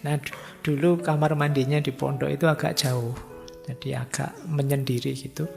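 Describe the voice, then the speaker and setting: A middle-aged man giving an informal philosophy study lecture, telling lively stories with acted quotes. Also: mid-range voice, moderate pace, creaky. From Indonesia. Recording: music under long hall reverb.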